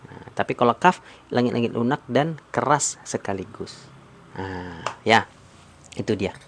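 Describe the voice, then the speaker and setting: A man teaching Quran recitation on a live stream, patiently repeating points, drawing out sounds slowly and coaxing viewers to answer in the comments. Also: medium pitch, lively intonation, a little hiss or hum. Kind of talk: live-stream tajweed lesson.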